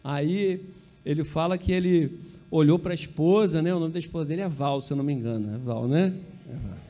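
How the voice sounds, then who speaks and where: This Brazilian man preaches as pastor in a mellow, higher-than-average voice at a fairly quick pace. The sermon is conversational, dotted with tag questions to the congregation, self-corrections, and jokes about his own mistakes.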